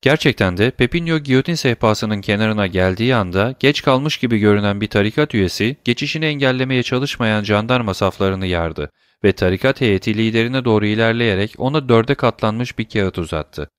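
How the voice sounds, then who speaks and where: Low-voiced man narrating an audiobook. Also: fairly quick, few pauses, clear, resonant tone, dry recording, studio quality. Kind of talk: scripted novel narration.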